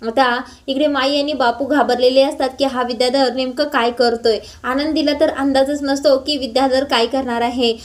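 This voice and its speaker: Casting: high-voiced woman narrating an episode recap, hesitant fillers. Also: steady tone, moderate pace, hardly any pauses. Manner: plain storytelling with filler hesitations. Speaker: TV serial episode reviewer.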